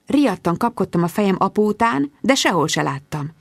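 A woman narrating a novel in first person, with a lively, expressive reading. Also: mid-range voice, creaky, slightly rough, no echo, studio quality. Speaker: audiobook narrator.

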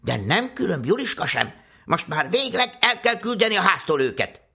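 A man voicing a spiteful wicked stepmother in a storybook, shrill and yelling. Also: big pitch swings, gravelly, husky, heavily acted. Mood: accusing.

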